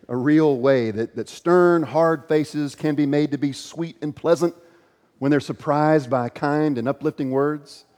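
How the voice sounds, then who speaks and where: A man's voice: a little high, warm tone, in a large hall. A man preaching a sermon as pastor, earnest and questioning, reading scripture aloud.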